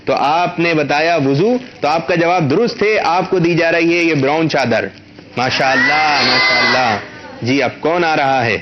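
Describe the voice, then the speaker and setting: A man hosting a children's quiz in a studio, coaxing the kids patiently and stretching words out slowly when he teaches. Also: on the high side, dull audio, noisy background. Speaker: quiz show host for children.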